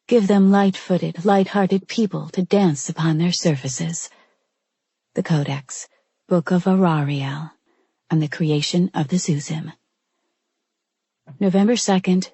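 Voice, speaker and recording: A woman reading a science fiction audiobook aloud in a measured, even narration. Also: on the low side, creaky, breathy edge, no room sound. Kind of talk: scripted narration.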